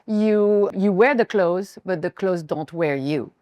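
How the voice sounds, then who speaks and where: A woman's voice: fairly low pitch, slow pace, no room sound, lo-fi sound. French-accented woman giving a chatty welcome. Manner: chatty, self-deprecating, searching for words. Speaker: brand founder hosting a styling session. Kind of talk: informal welcome speech to guests.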